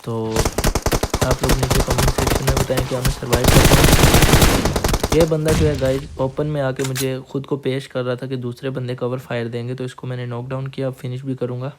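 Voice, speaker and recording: A young man from Pakistan with a Pakistani accent, hoarse, narrating his own mobile game match step by step to viewers he calls guys. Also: medium pitch, flat delivery, normal speed, noisy background. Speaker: mobile gaming YouTuber. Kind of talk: gameplay commentary voice-over. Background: faint game gunfire.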